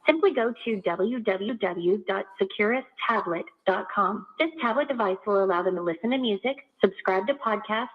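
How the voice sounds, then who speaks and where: A woman's voice: normal speed, hardly any pauses. A woman reading a scripted, upbeat advertisement that plays during a jail payphone call. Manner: upbeat, smooth sales pitch. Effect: heard over a jail payphone line. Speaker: ad announcer. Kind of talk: scripted promotional announcement. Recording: tinny phone line.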